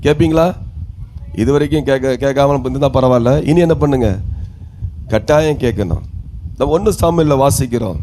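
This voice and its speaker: A man's voice: medium pitch, normal speed, long pauses, warm tone, slight background noise. A male pastor with a Tamil Nadu accent, preaching a sermon and asking his congregation questions, with calls of hallelujah.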